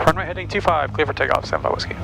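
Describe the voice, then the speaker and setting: A man's voice: fairly high pitch, very fast, vocal fry, heavy background noise. A man flying a small plane, making clipped radio calls and takeoff callouts over his cockpit headset. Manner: clipped, businesslike aviation phrasing. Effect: pilot talking over a cockpit headset. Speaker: private pilot.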